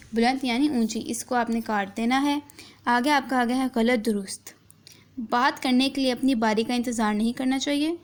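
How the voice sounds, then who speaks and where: Woman, school teacher, slightly high-pitched, slow and deliberate, repeats and simplifies, mixes in English words. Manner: reads a passage, then re-explains it simply with repetition; slow, deliberate pace for children. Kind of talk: children's class lesson.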